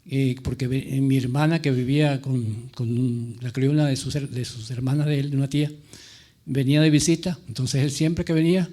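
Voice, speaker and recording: Male novelist, relaxed warm timbre, slightly high pitch, halting, wandering personal reminiscence. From rural mountain highlands of Latin America. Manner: halting, repeats words, digressive. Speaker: novelist on a panel.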